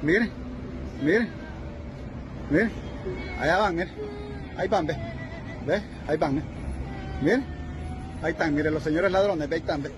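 A man, a street vendor, agitatedly shouting and pointing things out outdoors on a street. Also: on the high side, moderate pace, pauses often. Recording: noisy street clip, traffic behind.

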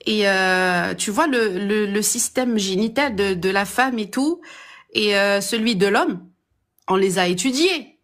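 A woman's voice: mid-range voice, animated, unhurried, a bit bright. A woman from Algeria calling into a live debate, talking hesitantly with many fillers and restarts but growing emphatic. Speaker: caller.

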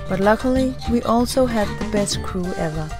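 A woman reads a scripted voice-over for a sailing vlog. She tells the story in a warm, reflective way, with clear music playing underneath. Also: mid-range voice, animated, normal speed.

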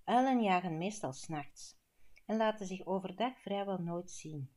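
A woman's voice: lowish voice, expressive, normal speed, mellow. A Flemish woman reading an audiobook, voicing a male TV newsreader in a formal announcing manner.

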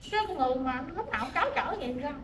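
Fast, high-voiced woman. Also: expressive, a crowd in the background. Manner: quick, exasperated arguing. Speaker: wife in a marital dispute. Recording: far from the mic, echoey and noisy.

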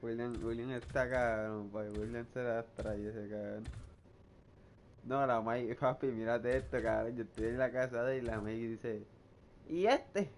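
A man's voice: mid-range voice, level tone, normal speed, slight background noise. A young man with a Puerto Rican accent chatting casually, swearing all the time and often breaking into laughter. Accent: Puerto Rican Spanish. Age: young adult. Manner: crude, laughing, swearing constantly. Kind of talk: casual vlog chat.

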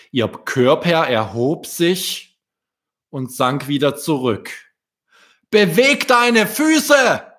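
A man, a children's book author, reading his story aloud in a deliberate storytelling manner. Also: on the low side, fairly bright tone.

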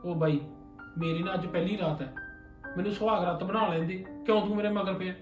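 A man's voice: high voice, steady tone, a little fast, lightly acted. A man playing a newlywed groom who keeps getting interrupted and snaps at his younger brother, in a roomy recording with music. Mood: irritated. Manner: annoyed, snapping. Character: flustered newlywed groom, short-tempered. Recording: roomy film audio with music.

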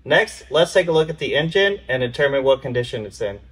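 A car restoration video host gives an explanatory walkthrough indoors in a large garage workshop. He's calm, methodical and matter-of-fact, with a husky, mid-range voice and a fairly quick pace.

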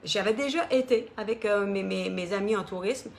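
A middle-aged woman with a Quebec French accent, telling her story in a casual, expressive way on a live stream, with many fillers. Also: mid-range voice, normal speed, gravelly, a little hiss or hum. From Quebec, Canada. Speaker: singer hosting her own live stream.

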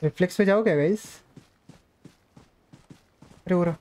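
A man's voice: high-pitched, normal speed, a little mellow. A man streaming a shooter game, chatting casually and joking with his chat and other players. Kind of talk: casual live gaming commentary. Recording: noisy game stream audio.

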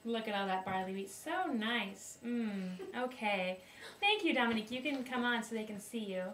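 Heard from a camera across a small wooden kitchen, the young woman hosting this home cooking video has a fairly high, slightly bright voice with lively intonation and an ordinary pace. She presents in a jokey, mock-formal style and giggles a lot, and the roomy, distant recording carries a faint hiss.

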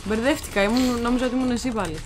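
A woman's voice: fairly high pitch, fairly even intonation. A woman co-hosting a casual gameplay session, teasing and gloating competitively. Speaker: gaming co-host. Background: game music.

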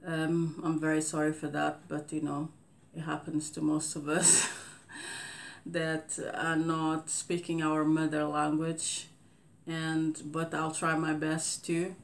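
A woman in her thirties with a Portuguese accent talks slowly and deliberately to camera. Her voice sits low and flat, with little rise and fall. She pauses often, filling the gaps with soft fillers and restarting her sentences. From Cape Verde. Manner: slow, careful speech with many fillers and restarts. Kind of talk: casual talking-head monologue. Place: indoors in front of a green screen.

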